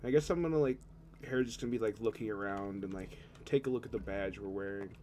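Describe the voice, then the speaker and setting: A man's voice: on the low side, fast, a little mellow, a little hiss or hum. A man playing a tabletop game in casual chat, sounding stoned, with a rambling, profane stoner manner. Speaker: tabletop roleplaying player.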